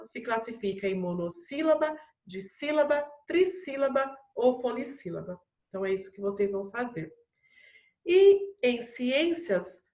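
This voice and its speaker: A woman's voice: on the high side, roomy sound. A woman primary school teacher with a Brazilian Portuguese accent, giving a recorded online class and patiently explaining each task step by step to young pupils. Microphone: camera mic.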